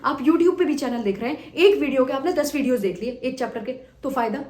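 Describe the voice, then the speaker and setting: Her voice sits high with a darkish tone, brisk and roomy-sounding, as the young teacher encourages students before exams. She acts out a tale between two students and drives points home by repeating phrases.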